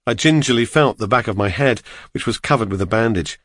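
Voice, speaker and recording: A man narrating an audiobook in the first person, steady and measured. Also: medium pitch, no room sound, clean studio sound.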